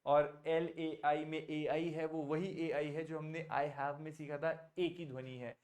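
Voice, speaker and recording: His voice is a little high, level and darkish as he patiently walks an online French class through how sounds are pronounced. He speaks slowly in a mix of English and Hindi, urging learners to repeat.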